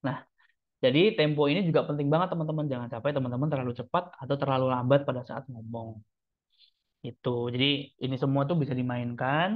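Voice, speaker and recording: A chatty male speaking trainer explains his tips in a relaxed, conversational way. He keeps turning to his listeners and acting out short examples. His voice sits at an ordinary middle pitch, and it comes through thin and narrow, like a phone call. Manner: chatty, addresses listeners as friends, demonstrates examples. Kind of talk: casual teaching talk. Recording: tinny phone-like sound.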